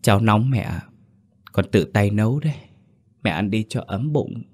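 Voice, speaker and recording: A man's voice: lowish voice, animated, normal speed, a little mellow. A man voicing a grieving middle-aged son who pleads tearfully in a trembling voice. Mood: tender. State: crying.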